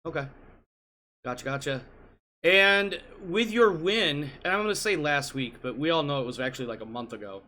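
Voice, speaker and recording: A man with a fairly high, sharp-toned voice hosts a game league show at his home desk, recording on a computer mic. His moderate-paced, animated delivery is casual and rambling, full of jokes and playful side comments.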